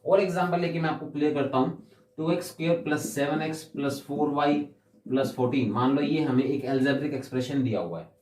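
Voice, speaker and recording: A man's voice: on the high side, darkish tone. Echoey man teaching maths. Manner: patient, repeats definitions and asks himself questions; slows down to read English definitions word by word. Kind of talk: classroom explanation. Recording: echoey room, mic at a distance.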